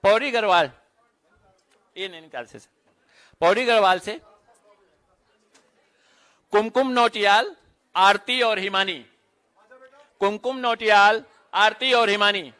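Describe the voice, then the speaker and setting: Man, high voice, bright tone, steady roll-call of names, ceremony announcer. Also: takes it slowly, long pauses, clear, resonant tone. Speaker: event announcer. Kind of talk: reading out names at an award ceremony.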